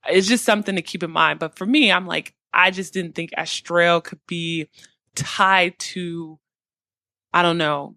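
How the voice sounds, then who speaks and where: A woman co-hosting a casual podcast chat, her voice bright and forward and a little low. She talks loosely, with a lot of "like" and "you know". The sound is dry and close. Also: dry recording. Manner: chatty, full of "like" and "you know". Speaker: podcast co-host.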